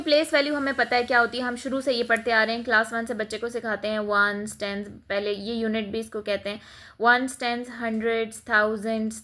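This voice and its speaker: A woman's voice: a little high, fairly bright tone. A woman math teacher, explaining a lesson step by step in a patient classroom manner, mixing English terms in. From Pakistan.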